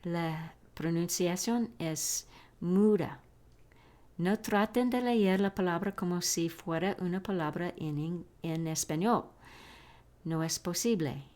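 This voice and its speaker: Slow, careful woman teaching grammar. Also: lowish voice, a little mellow. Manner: slow, careful drilling of example phrases. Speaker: English teacher. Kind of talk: recorded grammar lesson.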